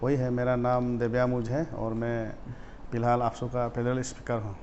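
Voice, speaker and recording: A man from Arunachal Pradesh, a student leader telling stories from his school days in a casual interview, getting animated and loud as he retells his run-ins. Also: medium pitch, moderate pace, slight background noise. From Arunachal Pradesh, India. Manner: animated, rises sharply when retelling confrontations. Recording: slightly dull lo-fi audio.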